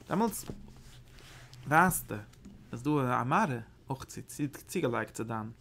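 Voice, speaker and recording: Man, gravelly voice, mid pitch, Torah teacher, halting speech, repeats phrases. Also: expressive, fairly bright tone, slight background noise. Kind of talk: study lesson on mystical texts.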